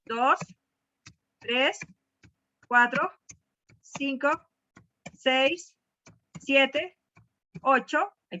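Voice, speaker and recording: A woman's voice: high voice, bright, forceful tone. A woman teaching a math class, questioning her students and repeating key words. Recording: dull lo-fi class recording.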